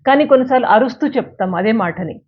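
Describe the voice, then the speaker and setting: A woman's voice: fairly high pitch, animated, quick pace, husky. Woman giving life advice, tinny sound. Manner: counsels listeners directly, with examples, mixing in English phrases. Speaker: self-help speaker. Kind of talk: motivational talk. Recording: tinny phone-like sound, faint music.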